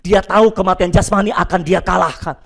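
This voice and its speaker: High-voiced emphatic man preaching. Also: fairly even intonation, a little fast, gravelly. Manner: emphatic preaching, swinging between loud declarations and low, quiet asides. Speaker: pastor. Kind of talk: sermon. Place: church, addressing congregation and home viewers.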